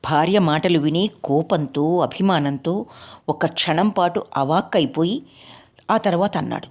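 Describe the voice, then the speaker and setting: Low-voiced woman reading a storybook. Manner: steady, measured reading. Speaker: narrator. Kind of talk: audiobook storytelling.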